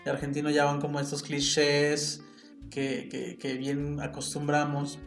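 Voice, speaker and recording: On his reflective solo podcast, a Mexican-accented host speaks in a rather high, monotone voice with vocal fry, keeping a measured pace. He sounds earnest and opinionated, thinking aloud and occasionally starting over. Soft guitar music sits behind a roomy sound.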